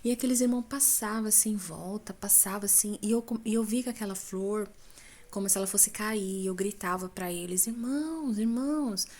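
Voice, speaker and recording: A woman's voice: mid-range voice, fairly even intonation, a little fast, darkish tone. A Brazilian woman with a Brazilian Portuguese accent recounting a dream as a church testimony, talking casually and addressing her listeners as brothers. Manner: conversational, addresses listeners as brothers and folks, frequent tag questions. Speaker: church member giving a testimony.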